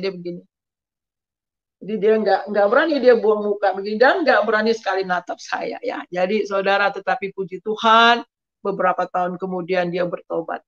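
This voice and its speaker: A middle-aged woman telling her personal testimony, often addressing listeners directly and pausing with fillers. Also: mid-range voice. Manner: addresses listeners as "saudara", storytelling with pauses and fillers. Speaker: testimony speaker. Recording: dull lo-fi recording.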